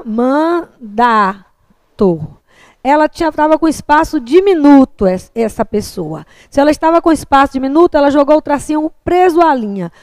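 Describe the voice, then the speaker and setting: A woman's voice: high-pitched, a little mellow, dry recording. A woman teacher with a Brazilian Portuguese accent, patiently explaining handwriting and margins in a classroom lecture and checking in often.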